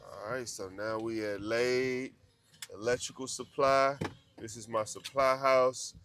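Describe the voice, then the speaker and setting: A man's voice: medium pitch, steady tone, measured pace, fairly bright tone. A man in his fifties, a licensed electrical contractor, talking casually and earnestly to his viewers, repeating his points and calling them "man". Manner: earnest, repetitive, calls listeners "man". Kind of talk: casual vlog talk to camera.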